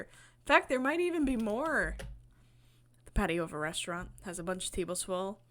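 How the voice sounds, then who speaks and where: A woman with a mid-range, slightly bright voice streams a visual novel, casually reading the narration aloud and adding her own commentary. Guitar game music plays behind her voice.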